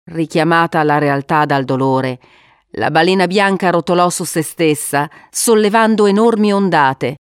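A woman with a smooth, slightly low voice narrates an adventure storybook in a measured, expressive style. The recording is close and dry, with no echo.

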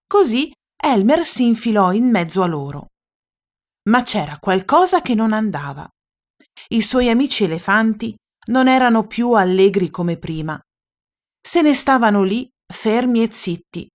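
Lively woman reading a children's story. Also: mid-range voice. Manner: lively, expressive read-aloud with playful character voices.

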